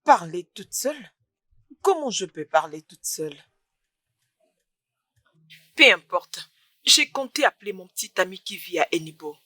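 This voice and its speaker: A woman dubbing a fiery, pregnant young village woman who talks in a defiant, loud and combative way. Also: on the low side, very animated, unhurried, pauses often, no room sound, exaggerated voice. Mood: angry. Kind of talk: dubbed film acting.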